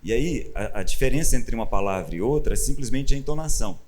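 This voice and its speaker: A Brazilian man preaching in a conversational teaching style, animated and acting out the people he quotes. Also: mid-range voice, fast, a little hiss or hum. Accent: Brazilian Portuguese. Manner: animated, acts out quoted voices with rising emphasis. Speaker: pastor. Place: church stage.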